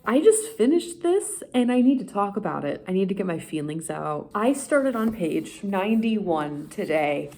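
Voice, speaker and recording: A young woman talking casually about books in a reading vlog, chatty and expressive, laughing often, sounding tired. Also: medium pitch, normal speed, few pauses, a little hiss or hum. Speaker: book vlogger.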